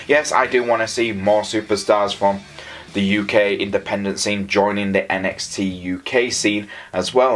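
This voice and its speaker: Speaking in a fairly low, slightly bright voice, this Yorkshire-accented wrestling reviewer from Leeds delivers off-the-cuff commentary. He is eager, opinionated and relaxed throughout.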